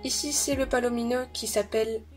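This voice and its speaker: Chatty higher-voiced woman vlogger. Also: fairly even intonation, a little fast, over music. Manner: chatty, lists names with many hesitations. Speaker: vlogger showing her collection. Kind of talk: casual show-and-tell. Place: indoor room shared with siblings.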